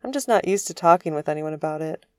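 A woman's voice: deep voice, lively intonation, fast, darkish tone, no room sound, studio quality. A woman voicing a moody, self-deprecating male starship captain in a storybook reading, wry and prickly.

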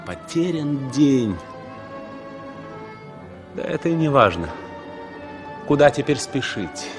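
In a 1960s radio play, a male actor with a medium-pitched voice and big swings in pitch plays a lonely, disillusioned traveller, brooding and weary. He delivers a verse-like interior monologue in measured, declamatory phrases, his mood tired and resigned. Music plays behind him in this 1960s recording.

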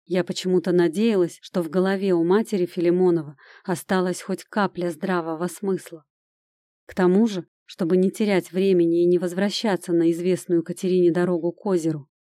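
Casting: female audiobook narrator, lowish mellow voice, measured first-person storytelling, dry close recording. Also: no echo.

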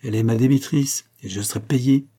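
A man voicing a cheeky young boy servant who gives brisk, bossy orders in a raised voice. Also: medium pitch, dark tone, natural voice.

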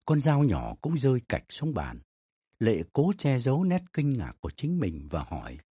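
A man narrating a family story in an expressive, dramatic reading style. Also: mid-range voice, moderate pace, slightly rough, dry recording.

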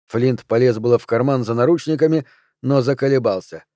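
A man reading a novel aloud in an even, measured narration. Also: medium pitch, no echo, clean studio sound. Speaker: audiobook narrator. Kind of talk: scripted narration.

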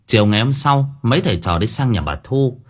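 A man narrating an audiobook novel in a lively, expressive storytelling style. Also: medium pitch, fairly quick, husky.

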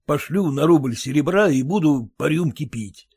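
A man's voice: on the high side, lively intonation, normal speed, darkish tone, breathy edge. A man voicing a fussy, self-important merchant husband who lectures and grumbles. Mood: grumbling. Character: pompous fussy merchant husband, fearful of typhus.

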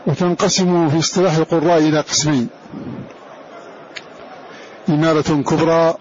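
Male recitation teacher, slightly high voice, slow explanatory lecture, dull recording with faint background hiss. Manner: deliberate, repeats each term for students. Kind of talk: classroom lecture.

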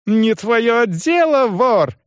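A shrill, screaming young hothead. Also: male voice, sing-song, very slow, dry recording, clean studio sound, exaggerated voice. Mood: shrieking rage. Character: hot-headed young man, shrieking, furious.

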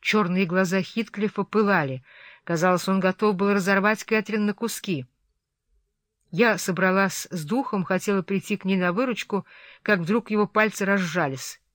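A reader narrating a classic novel in a steady, measured way. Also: mid-range voice, dry recording, clean studio sound. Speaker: audiobook reader. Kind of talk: scripted narration.

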